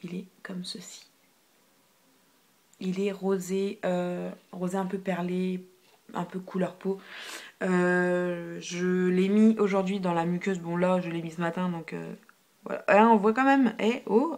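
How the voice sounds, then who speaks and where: With a lowish, darkish voice, this young woman reviews her makeup haul in a chatty, filler-heavy way, repeating "hyper" and at times sinking almost to a whisper. She's a beauty vlogger recording on her phone camera.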